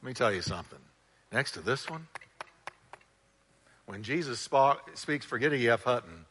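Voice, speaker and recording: Booming through a long hall reverb with a noisy background, a medium-pitched pastor delivers an animated sermon. He stretches and stresses his words dramatically and calls on the congregation to echo phrases back to him.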